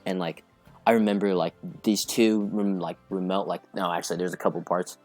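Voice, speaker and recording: A young podcast guest laughs his way through a long, rambling anecdote in casual chat, leaning heavily on fillers. He speaks fairly quickly in a low, slightly mellow voice with fairly even intonation, and faint music sits behind him.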